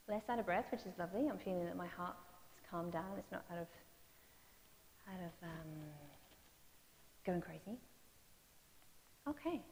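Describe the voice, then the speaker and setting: A woman gently leading parents through mindfulness and movement exercises, giving soft cues to breathe. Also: fairly low pitch. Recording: long reverb with faint hiss.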